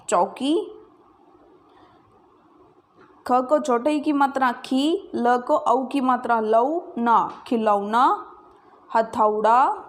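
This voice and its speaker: Young woman teacher, high voice, going real slow, building words sound by sound for little kids. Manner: slow, spells out each word syllable by syllable; kindly, addresses the children directly. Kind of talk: recorded lesson for small children.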